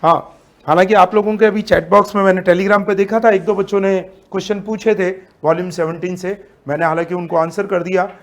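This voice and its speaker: A male statistics teacher, lecturing an online class, lively and asking then answering his own questions. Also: sits high, fairly quick. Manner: mixes Hindi with English terms.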